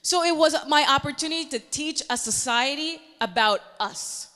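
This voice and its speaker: Bright woman in a reverberant hall. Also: high voice. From Panama. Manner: earnest, motivational. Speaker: meteorologist. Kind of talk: personal story speech.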